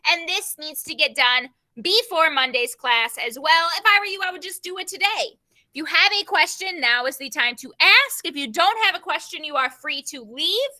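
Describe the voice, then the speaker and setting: A young woman teacher leading an online grammar class over a video call, brisk and given to repeating her prompts. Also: very high-pitched, animated, pushed and bright.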